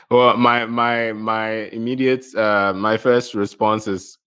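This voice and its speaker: A man's voice: fairly low pitch, flat delivery, slow, a bit bright, clear, resonant tone, dull audio. A man talking football casually as a panelist, hesitant and repeating his phrases. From Ghana.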